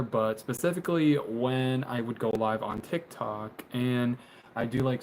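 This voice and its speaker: A man in his twenties with a mid-range voice chats casually on a live stream, reading viewer comments, rambling with many fillers and restarts and laughing often. He's filmed on a phone on a tripod inside a small bedroom closet, and the poor audio carries a little hiss or hum.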